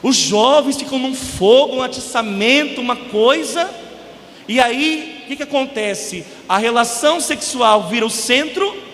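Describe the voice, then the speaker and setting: A male priest with a Brazilian Portuguese accent preaching a sermon in a large church, alternating emphatic loud bursts with soft drops. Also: very high-pitched, unhurried. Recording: church reverb, faint hiss.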